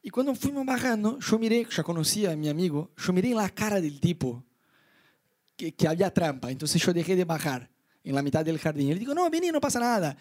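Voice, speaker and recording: Young argentine-sounding guy preaching to kids, super animated, voice jumps all over. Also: a little fast. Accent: Rioplatense Spanish. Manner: lively storyteller, voices his own inner thoughts in high pitch. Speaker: youth preacher. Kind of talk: animated sermon with acted-out anecdotes.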